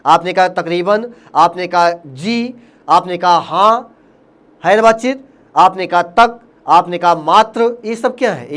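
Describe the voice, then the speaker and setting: A man from Uttar Pradesh with a Hindi accent and a high, slightly bright voice teaches Hindi grammar for an exam, repeatedly asking quiz questions and then answering them himself.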